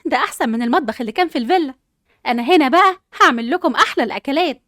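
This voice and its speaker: A woman's voice: sits high, lively intonation, rapid-fire, a bit bright, no echo, clean studio sound. A woman with an Egyptian accent playing a cheerful, doting mother who talks in a bubbly way.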